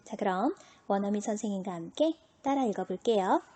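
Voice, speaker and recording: A woman's voice: medium pitch, expressive, fairly quick, dark tone. Rich: A woman teacher with a mid-range voice, talking through a recorded online lesson. She asks the class questions, answers them herself, and leads syllable drills aloud. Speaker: Chinese teacher.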